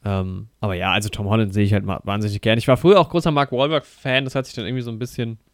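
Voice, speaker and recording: A man's voice: fairly low pitch, fairly even intonation, rapid-fire, no echo, clean studio sound. A man chatting casually while reviewing a film on a podcast, rambling with many fillers and restarts and enthusiastic slang.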